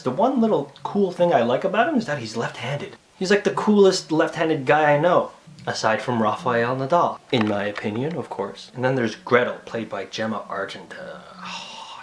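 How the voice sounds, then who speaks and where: A man talks through a movie review in a casual, animated way, at an ordinary middle pitch. He acts out what people said and now and then sinks into a hushed whisper for an aside.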